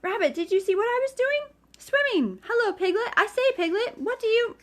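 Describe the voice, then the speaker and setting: A woman voicing a tiny, excitable baby kangaroo boy who squeaks boastfully. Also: brisk. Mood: excited squeaky.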